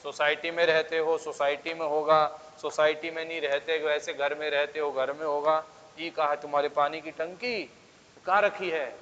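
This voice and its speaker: A male physics teacher lecturing in a classroom, constantly pressing his students with questions. His voice sits fairly high for a man, and the sound is muffled, with a long reverb trailing each phrase. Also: level tone, normal speed, a bit bright. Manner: coaxing, keeps asking the class questions.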